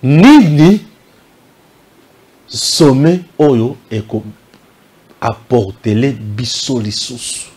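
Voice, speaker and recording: A man's voice: medium pitch, extremely slow, long pauses, darkish tone, breathy edge. A man from DR Congo with a Congolese French accent, giving indignant political commentary full of rhetorical questions. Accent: Congolese French, Kinshasa.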